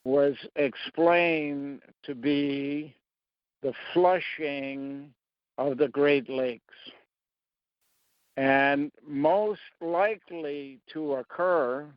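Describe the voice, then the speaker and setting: A man talking through a slow, rambling monologue, pausing often between short phrases. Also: on the high side, no room sound, muffled recording. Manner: halting, long pauses between phrases. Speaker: speaker sharing beliefs.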